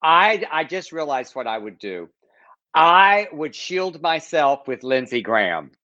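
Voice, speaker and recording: A man's voice: a little high, sing-song, a little slow, bright, forceful tone, no echo. A man co-hosting a casual chat show, campy and sassy, often stumbling over restarts. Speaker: podcast co-host. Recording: dull, dry lo-fi sound.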